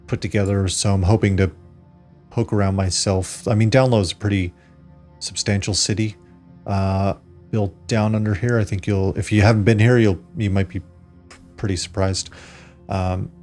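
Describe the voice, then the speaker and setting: A man narrating a tabletop role-playing game as game master, improvising exposition in a halting way. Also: fairly low pitch, a little mellow. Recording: background music under the voice.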